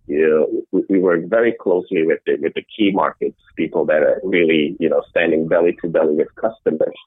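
A middle-aged man from the Netherlands answering interview questions in a measured way, often restarting his sentences. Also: extremely low pitch, husky, no echo. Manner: measured, with frequent restarts and fillers. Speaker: interview guest, innovation executive. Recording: dry, tinny phone-like call audio.

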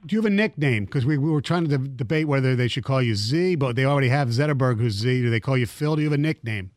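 A male radio co-host asking a caller questions, with halting starts and often restating what he asks. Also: medium pitch, animated, darkish tone, dry recording, clean studio sound. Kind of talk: radio interview.

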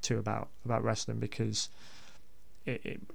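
A man speaks as a podcast host in a casual, unscripted style. His voice has a lot of fry and stays fairly even in pitch. He rambles hesitantly, often repeating words as he goes. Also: normal speed.

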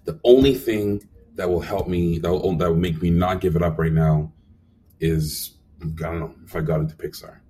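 A young man telling lively stories as a guest in a casual interview, acting out quotes with lots of fillers. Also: low voice, moderate pace, husky, recorded from a distance. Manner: animated storyteller, acts out quotes, frequent fillers. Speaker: animation supervisor guest.

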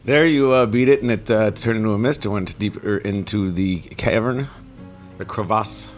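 A man's voice: fairly low pitch, moderate pace, faint music behind. A man running a tabletop game, casually recapping the last session with many fillers. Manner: loose, rambling, many fillers. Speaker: game master.

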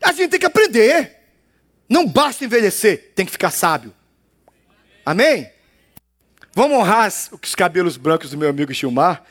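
A male pastor preaches in a playful, teasing, conversational way. His voice sits very high and swoops up and down. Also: big pitch swings, moderate pace, pauses often, a bit bright. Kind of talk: sermon.

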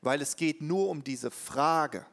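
A man interpreting a sermon live, quick and earnest, with the odd hesitation. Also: fairly high pitch, creaky, fairly bright tone.

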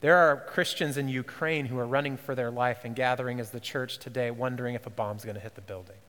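A man's voice: medium pitch, fairly even intonation, fast. Man preaching in an echoing church. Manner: earnest preaching with swings from hushed to emphatic; conversational, drops into casual voiced asides. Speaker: pastor. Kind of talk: sermon.

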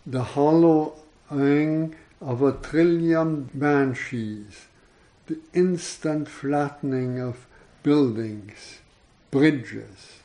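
A man reads a literary story aloud at a very slow, measured pace. His voice is mellow and dark, and his delivery stays solemn and even throughout. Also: on the high side, poor audio. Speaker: podcast reader. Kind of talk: reading literary fiction aloud.

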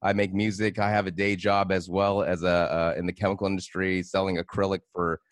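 A man's voice: low voice, flat delivery, fairly quick, dry recording. A man co-hosting a casual podcast, talking in a laid-back, slangy way with hesitant restarts. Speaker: podcast co-host.

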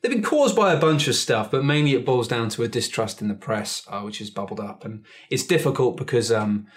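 A man hosting a casual panel chat, thoughtful and halting with many restarts. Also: mid-range voice, expressive.

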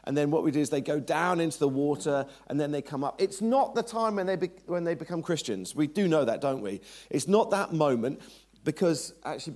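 A man with a medium-pitched, darkish voice opens a church sermon informally, chatting with the congregation and joking with them, often at his own expense.

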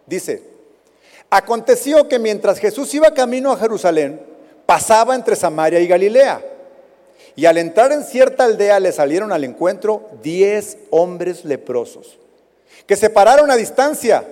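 A man with a Mexican Spanish accent preaching a sermon, swinging between loud dramatic rises and quiet fading endings. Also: sits high. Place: church hall. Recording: reverberant hall recording.

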